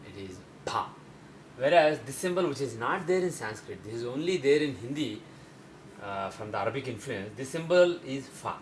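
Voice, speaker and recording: A man teaching a lesson, explaining carefully and slowing down to sound out example words. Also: medium pitch, a little hiss or hum, poor audio.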